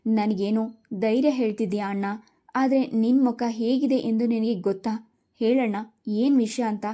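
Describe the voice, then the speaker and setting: A woman's voice: a little high, fairly even intonation, moderate pace, dark tone, close to an everyday voice. A woman voicing an anxious pleading wife. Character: worried married woman fearing for her husband.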